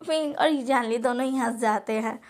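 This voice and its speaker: A woman's voice: on the high side, fairly quick. A woman reading her own fan-fiction story aloud as a storyteller.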